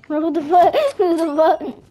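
A woman in a casual gaming chat who is loud and teasing and swears freely with her friend. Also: extremely high pitch, steady tone, slow pace, dull audio. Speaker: game player.

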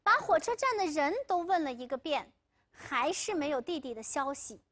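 女主讲人演的自私狡猾的农村青年阿龙. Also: female voice, high-pitched, sing-song, normal speed, fairly bright tone. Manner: boastful and pleading by turns. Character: young village man, scheming and self-serving.

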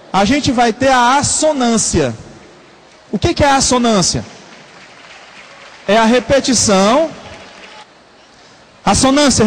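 High-voiced male teacher lecturing. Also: big-room sound, poor audio. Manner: repeats terms slowly for note-taking, asks the class questions. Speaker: Portuguese teacher. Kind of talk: classroom lecture.

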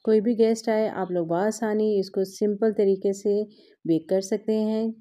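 An unhurried, mellow woman's voice with a steady, mid-range tone guides viewers through a recipe. The cooking vlog host stands at a home kitchen counter, patiently explaining each step as she works with her hands.

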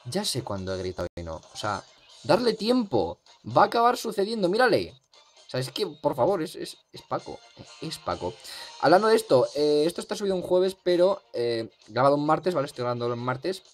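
Chatty young gaming commentator. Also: male voice, a little high, very animated, a little fast, soft background music. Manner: rambling, chatty, lots of fillers. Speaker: gaming youtuber. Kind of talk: casual gameplay commentary.

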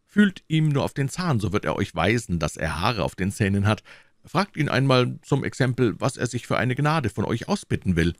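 A man's voice: mid-range voice, sing-song, normal speed, no echo, studio quality, pitched above the performer's own voice. A man reading aloud and voicing a simple-minded townsman who boastfully praises his neighbour. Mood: eager boasting. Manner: eager, talky, praising.

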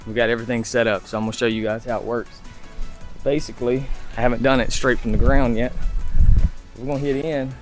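A relaxed man in his thirties rambles to a camera held at arm's length as he shows off his gear outdoors. His delivery is easygoing and full of fillers, at a middling pitch for a man. Music plays clearly underneath his voice. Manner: relaxed, filler-heavy explaining. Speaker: fishing vlogger. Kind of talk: casual vlog narration. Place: outdoors on a suburban street and lakeside, also in a truck. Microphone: handheld camera at arm's length. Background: background music.

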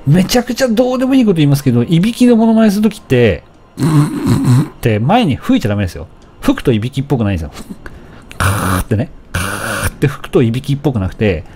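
Animated man doing game commentary. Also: a little high, husky. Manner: animated, taunts enemies, shouts at the game. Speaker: let's play commentator. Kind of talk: casual gameplay commentary.

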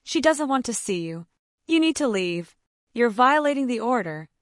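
A woman voicing a protective female friend in a narrated story, low, calm and firm. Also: moderate pace, no echo, clean studio sound.

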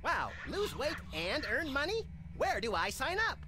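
Wildly animated manic little rabbit. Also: male voice, very high-pitched, normal speed, slight background noise, exaggerated voice. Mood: gleeful. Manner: manic, sarcastic. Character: small hyperactive male cartoon rabbit, gleefully aggressive sidekick. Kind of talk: cartoon game voice acting.

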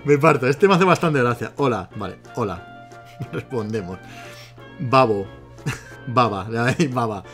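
A man's voice: medium pitch, expressive, measured pace, pauses often, a bit bright, faint music behind. A man with a Spain Spanish accent gives casual, chatty commentary as he chats with a bot. He giggles often and keeps breaking into laughter. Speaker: YouTuber.

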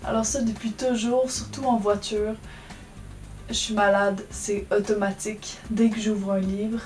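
A young Englishwoman, a book vlogger, chats about books on her channel in a casual, self-mocking way. Her mid-range voice is flat, unhurried and darkish, and she sits far from the mic. Faint music plays behind this book tag video.

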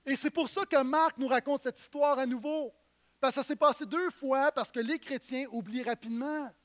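Very high-voiced pastor preaching. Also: male voice, moderate pace. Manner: animated, conversational preaching with asides to the congregation. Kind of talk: sermon.

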